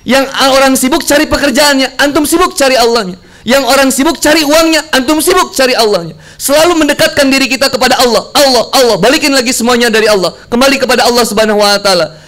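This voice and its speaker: A man giving a casual sermon, telling stories and acting out heartfelt prayers. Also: very high voice. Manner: slangy, animated storytelling with prayers acted out. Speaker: preacher.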